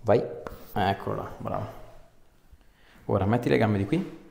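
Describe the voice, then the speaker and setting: A man in his thirties, a chiropractor, gives a patient short, informal hands-on instructions in a small treatment room. His voice is low-ish, unhurried and a little mellow, and the recording has a roomy echo, clear background noise and clicks.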